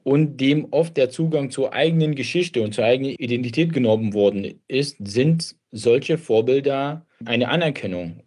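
Measured man giving an interview. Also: medium pitch, a little mellow. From Kurdish family, grew up in Germany. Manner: reflective and measured, with brief restarts. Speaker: interview guest. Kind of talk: earnest interview answers.

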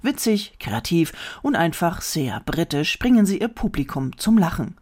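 A narrator reading a scripted news voice-over in a smooth, informative way. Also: medium pitch, big pitch swings, normal speed, a little mellow.

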